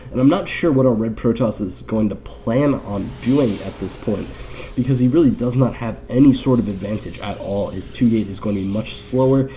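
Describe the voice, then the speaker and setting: Stuffed-up and nasal from allergies, a man offers casual live game commentary full of wry, rambling, joking asides. His fairly low voice is mellow, with slight background noise.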